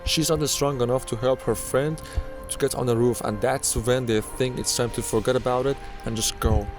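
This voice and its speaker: Guy doing scripted countdown video voiceover, medium pitched voice, bg music under it. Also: fairly even intonation, moderate pace. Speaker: narrator. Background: background music.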